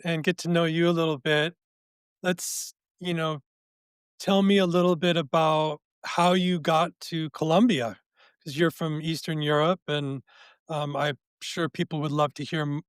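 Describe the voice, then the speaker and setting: Encouraging male podcast host, smooth voice. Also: a little high, no room sound, clean studio sound. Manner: encouraging, brief prompts. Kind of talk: casual interview conversation.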